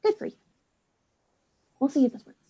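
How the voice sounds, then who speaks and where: A young American woman appears as a guest in casual conversation, speaking at a moderate pace with a warm tone on a rough recording. She's chatty, says "like" constantly, and acts out quotes as she tells things.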